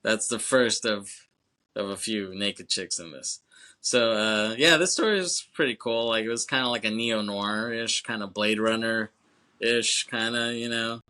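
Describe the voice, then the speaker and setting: A man's voice: lowish voice, unhurried, pushed and bright. A young man co-hosting a podcast, retelling a film loosely with profanity, laughter and lots of "like" and "you know". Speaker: podcast co-host. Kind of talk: casual chat recapping a film.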